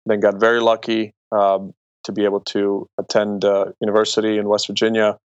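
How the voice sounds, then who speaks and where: This Croatian man in his forties, an entrepreneur and speaker, talks briskly and in a monotone about himself as a podcast guest, sharing personal stories. His fairly low voice is clear and resonant, on a lo-fi recording with no room sound.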